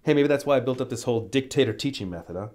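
A man's voice: medium pitch, animated, racing, a little mellow, close to an everyday voice. An actor playing a strict male teacher who talks in a casual, blunt, chatty way. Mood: reminiscing. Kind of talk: short film acting.

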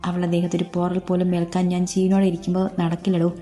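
A woman's voice: fairly low pitch, completely flat delivery, quick pace, dark tone, close to an everyday voice. A woman reading a devoted young hero. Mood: tender, earnest. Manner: earnest, tender reassurance. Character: protective young man, fiercely devoted lover.

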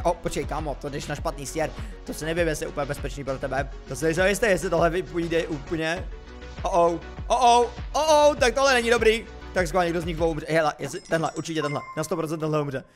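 A young man giving casual, jokey commentary over a game, swinging between low muttering and sudden excited yelps. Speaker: gaming YouTuber.

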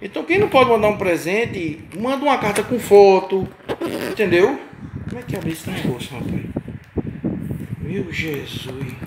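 A Brazilian man with a Brazilian Portuguese accent, vlogging an unedited unboxing in an excitable, chatty way, exclaiming often and muttering while he works. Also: sits high, moderate pace, pauses often, heavy background noise. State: moved, close to tears. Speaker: YouTube vlogger unboxing a fan's gift. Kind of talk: casual unedited unboxing vlog. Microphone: handheld phone or camera, shaky.

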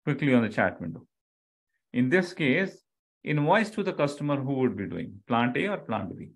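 Very animated yet moderately paced, a middle-aged man with an Indian accent leads a live online class. His voice is of average pitch. He repeats important phrases the way instructors do and often checks whether the audience follows.

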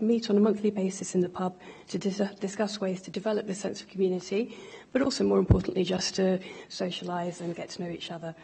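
A woman in her thirties reads a prepared statement at a council meeting. Her voice is mellow and very husky, with little rise and fall in pitch. She speaks formally into a desk microphone. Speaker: pub owner addressing a committee. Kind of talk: prepared statement read aloud at a public meeting. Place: council meeting chamber, indoors. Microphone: gooseneck desk microphone.

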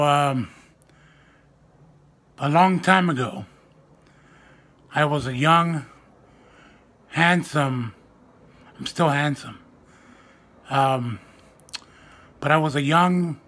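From a small room at home, a young man vlogs casually with the phone or webcam right by his face. His voice is a little high, soft, feeble and raspy, and his delivery is slow and self-deprecatingly jokey.

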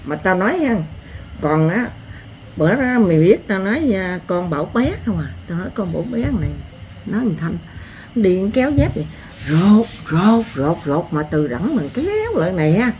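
A woman's voice: medium pitch, fairly quick, slight background noise. Blunt older Southern Vietnamese woman. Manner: blunt, earthy, animated storyteller. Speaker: interviewee. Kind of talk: rural storytelling.

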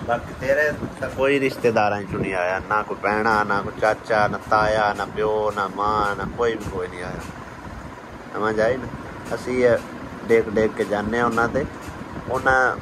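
A man vlogging outdoors, talking to his wife in a lecturing way and asking again and again if she understood. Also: fairly low pitch. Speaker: vlogger husband. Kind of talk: casual family vlog talk. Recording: noisy outdoor recording with wind.

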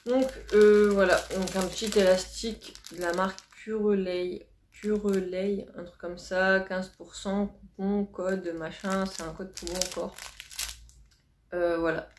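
A woman's voice: medium pitch, little pitch movement, slow pace, a little mellow. A woman beauty vlogger chatting casually to camera, gushing and repeating words for emphasis. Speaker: beauty vlogger unboxing a box. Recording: roomy echo, faint hiss.

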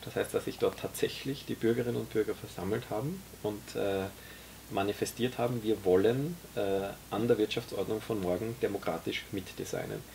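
A man in his forties, a guest and author, explaining his ideas in a relaxed conversation with many hesitations, recorded in a small café. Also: on the low side, fairly quick, gravelly, a little hiss or hum. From Austria. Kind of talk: casual conversation. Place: tea room in a small café.

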